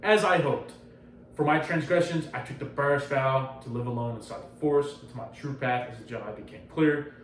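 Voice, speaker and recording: A man's voice: mid-range voice, fairly quick, natural voice. A man voicing a pompous, self-important male Jedi hermit in a lofty, solemn tone while retelling a comic. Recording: roomy echo, distant mic, faint ambience.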